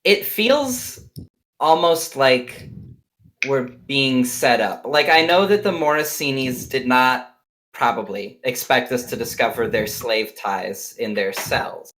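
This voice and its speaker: A man's voice: medium pitch, lively intonation, takes it slowly, a bit bright, poor audio. A man talking casually as a player in a tabletop role-playing game.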